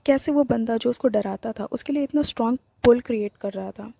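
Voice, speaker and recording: A woman's voice: a little high, creaky, warm tone, breathy edge, no echo. A woman retelling a novel aloud, reading the narration along with the characters' dialogue.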